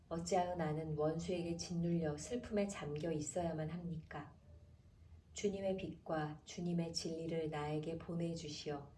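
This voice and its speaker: A woman announcer with a fairly low voice reads from the Bible in a calm, measured manner, slowing down at the chapter headings. She sounds distant from the mic, with roomy echo and faint background noise.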